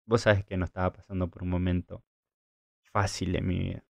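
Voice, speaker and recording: A man's voice: sits low, flat delivery, a little fast, vocal fry, a little mellow, no echo. A man voicing the apostle Peter, an earnest, humble grown man confessing his love in a plain retelling. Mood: earnest pleading.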